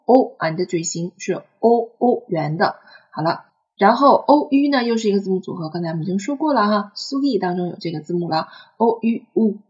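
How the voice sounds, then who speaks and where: A woman teaching a French picture-book lesson, patiently spelling out and repeating sounds. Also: on the low side. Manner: patient, drawn-out demonstration of sounds. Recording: slightly muffled recording.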